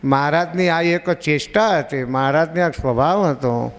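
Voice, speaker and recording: A man's voice: on the high side, moderate pace. A man, a monk, giving a devotional sermon to a gathering, telling stories with little acted dialogues and chatting and joking with the audience. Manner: chatty, questions and teases the audience; acts out short dialogues in stories. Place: religious gathering in a park. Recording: reverberant public address with faint background noise.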